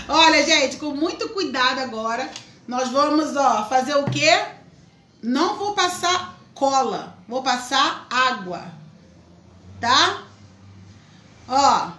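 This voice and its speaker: Female craft host, high and bright, chatty, in an echoey room. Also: lively intonation, slow pace, pauses often, a little hiss or hum. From Brazil. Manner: chatty, greets viewers by name. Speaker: craft teacher, live stream host. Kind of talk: live craft tutorial.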